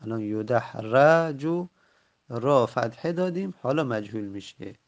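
Guy teaching grammar, gravelly voice, goes over word forms again and again. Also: mid-range voice, lively intonation. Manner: patient, repeats and spells out word forms slowly. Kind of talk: recorded lesson explaining a textbook.

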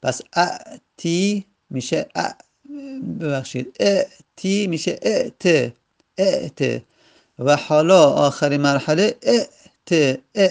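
A man with a gravelly, slightly high voice teaches a grammar lesson. He works through each rule step by step and pauses between short phrases. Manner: methodical, explains step by step with pauses.

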